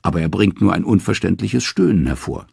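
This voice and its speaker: A man narrating an audiobook of myths with expressive storytelling. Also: low voice, brisk, vocal fry, breathy edge, no echo, clean studio sound. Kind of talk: scripted narration.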